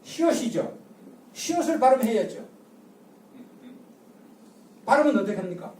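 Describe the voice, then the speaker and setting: An older lecturer gives a public talk in a lecture room, drilling the audience with call-and-response and repeated rhetorical questions. His voice is medium-pitched and darkish, very animated, at a moderate pace. The recording is echoey and picked up from far off.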